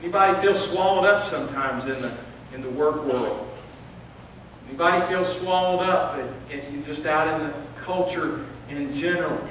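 A middle-aged pastor with a fairly high voice preaches in a large sanctuary, his words ringing through heavy room echo. He sounds set back from the lectern microphone, with faint hiss underneath. He presses his points earnestly, restarting phrases as he builds. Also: normal speed, fairly bright tone. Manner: earnest preaching with rising emphasis and repeated restarts. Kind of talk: sermon. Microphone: lectern microphone, filmed by a far camera. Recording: echoey sanctuary, distant mic, faint hiss.

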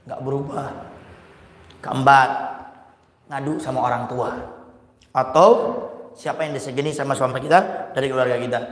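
A male preacher from West Java, giving a lively, jokey sermon and acting out little exchanges. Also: mid-range voice. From West Java, Indonesia. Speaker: preacher leading a religious study circle. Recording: roomy hall with long reverb.

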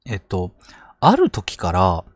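A man narrating ghost stories on a live stream, dramatic, with hushed lows and sudden outbursts. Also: huge pitch swings, slow pace, dry recording, clean studio sound. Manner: dramatic telling, hushed low asides rising to sudden outbursts. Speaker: ghost story teller.

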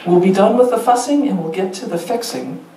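A woman teacher educator giving a staged public talk, lively and emphatic, with rhetorical questions and light laughter. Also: mid-range voice, brisk, slight background noise. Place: theater stage. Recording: roomy theater sound heard from a distance.

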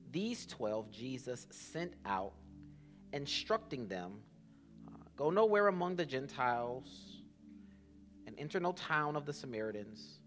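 A young man, a church pastor, teaching a sermon in a church sanctuary on a headset mic. He reads scripture slowly and says amen often. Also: medium pitch. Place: church sanctuary, drum kit behind.

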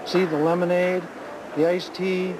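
A man's voice: high voice, level tone, a little slow. A man hosting an infomercial, giving unscripted sales talk in an insistent, repetitive way. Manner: insistent, repeats himself. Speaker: infomercial host and product pitchman. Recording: clearly noisy background ambience.

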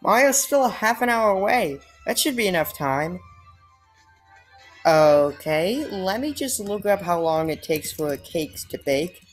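A gameplay commentator, a woman with a lowish voice and lively intonation, gives casual, sarcastic let's play commentary at a measured pace, reading the game's dialogue aloud. Faint music plays behind her.

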